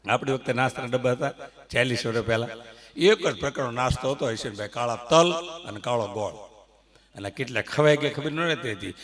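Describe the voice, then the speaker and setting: Middle-aged man, live stage comedy, storytelling with punchlines, stage microphone. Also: medium pitch. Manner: storytelling with punchlines, leading audience applause. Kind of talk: live folk comedy monologue. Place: temple event stage with live audience.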